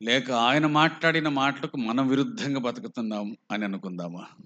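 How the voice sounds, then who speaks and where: A man with a Telugu accent, preaching a slow, emphatic sermon full of rhetorical questions. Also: medium pitch, pushed and bright, highs cut off. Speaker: pastor.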